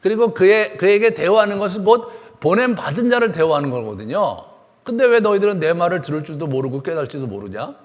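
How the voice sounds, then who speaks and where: Male pastor, sermon, high lively voice, acts out quotes, long church reverb. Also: quick pace. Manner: animated preaching, acts out quoted speech. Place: church sanctuary.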